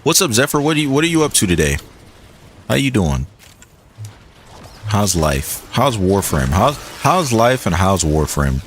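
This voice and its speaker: A man's voice: lowish voice, very animated, a little slow, long pauses, slight background noise. A young man streaming a game and chatting in a loose, rambling way, full of restarts and "like". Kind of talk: casual gaming commentary.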